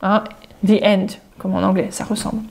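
A woman giving a casual, spontaneous spoken lesson, chatting informally with the viewer and slowing down to say German example phrases. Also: mid-range voice, level tone, gravelly, darkish tone. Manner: addresses the viewer informally, jokes. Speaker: German teacher.

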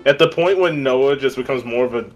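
A man's voice: medium pitch, brisk, soft background music. A man playing a co-op game with friends in casual chat, joking and laughing through his lines. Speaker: co-op player.

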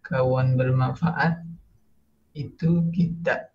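A man's voice: medium pitch, steady tone, slow, muffled recording. A man, a student reading aloud and translating word by word, hesitantly.

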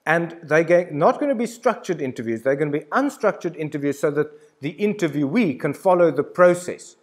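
A university lecturer in his sixties gives an informal, conversational instructional lecture with storytelling examples in an indoor studio with a plain backdrop. His voice is a little high for a man, animated and a little fast, rising and falling energetically. He addresses the listener directly and drives his points home emphatically.

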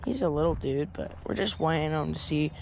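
A young man filming a casual fishing vlog at a farm pond, excitedly talking to his viewers as he catches and handles bass. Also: a little fast, gravelly. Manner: excited, addresses viewers as guys. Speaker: fishing vlogger. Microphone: head-mounted action camera, later a phone. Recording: noisy outdoor camera audio.

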